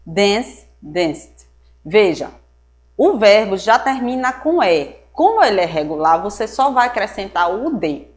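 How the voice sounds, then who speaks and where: A woman's voice: medium pitch, sing-song, moderate pace. A woman English teacher with a Brazilian Portuguese accent, explaining grammar step by step at a board. She often checks understanding and drops English words into her explanations. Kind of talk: recorded classroom lesson.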